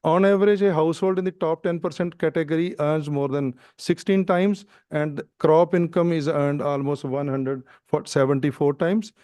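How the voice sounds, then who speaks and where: A man presenting research findings at a seminar, reading in a steady, formal way. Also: a little high, moderate pace, hardly any pauses, no room sound. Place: conference room.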